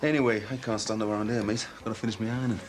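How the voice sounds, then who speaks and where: An actor playing an easy-going working-class groom with a Liverpool accent who jokes and laughs along. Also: male voice, fairly low pitch, steady tone, very fast, a little hiss or hum, natural voice. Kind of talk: TV soap acting.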